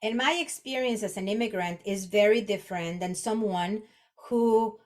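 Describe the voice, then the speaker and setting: An executive coach from Mexico, aged in her forties, talks reflectively as a podcast guest, often starting phrases over. Her Mexican-accented voice, Spanish being her native language, is mid-range, a little mellow and at normal speed.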